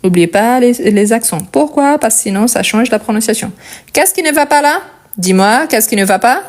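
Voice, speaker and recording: A woman's voice: fairly high pitch, expressive, normal speed. A woman with a Portuguese accent teaching a French conjugation lesson, explaining patiently step by step and checking in often with the learner.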